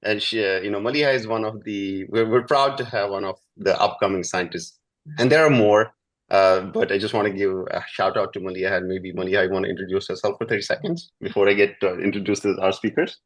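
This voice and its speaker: Male moderator, deep voice, hesitant phrasing, informal hosting of an online panel. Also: fairly even intonation, fast, low-quality recording. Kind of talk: informal spoken panel introduction. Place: online video call.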